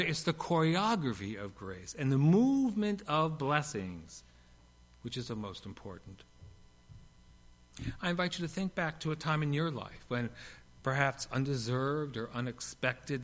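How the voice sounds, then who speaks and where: Bright-voiced man preaching a sermon. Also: mid-range voice. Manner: expressive preaching with big swings between loud and hushed; playful humorous asides. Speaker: pastor.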